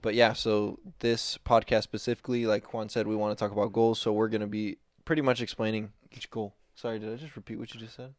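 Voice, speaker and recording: A man's voice: on the low side, little pitch movement, quick pace, few pauses, no room sound, studio quality. A young man co-hosting a podcast, chatting in an easygoing, joking way. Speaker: podcast co-host. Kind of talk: casual chat.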